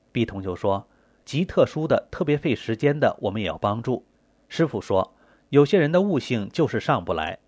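Male reader with an animated, earnest delivery and a dry, close sound. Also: medium pitch, no room sound. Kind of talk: reading aloud a scripted text.

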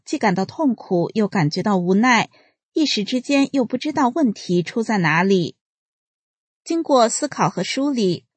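A woman reading a published article aloud in a measured, even, announcer-like delivery. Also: medium pitch, slightly rough, dry recording. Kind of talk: scripted reading.

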